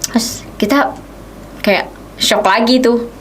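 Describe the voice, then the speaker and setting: A woman's voice: fairly high pitch, slow pace. Lady on a podcast telling her testimony, acts out the lines she quotes, bit of faint room noise. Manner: animated storytelling, acts out quoted speech. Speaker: guest sharing a testimony. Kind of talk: casual podcast interview.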